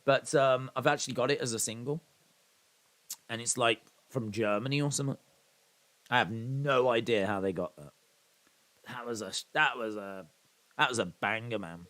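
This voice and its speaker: Hosting a laid-back live watch-along, this English man in his thirties talks at a moderate pace with a medium-pitched, slightly bright voice and frequent pauses. He rambles and chats, reading viewer comments aloud with self-deprecating asides.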